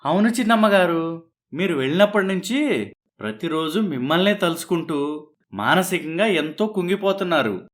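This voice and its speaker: Loyal servant, deferential, higher raised voice, cartoon story. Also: male voice, very animated, normal speed. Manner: deferential, grieving. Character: loyal old male servant, devoted to family.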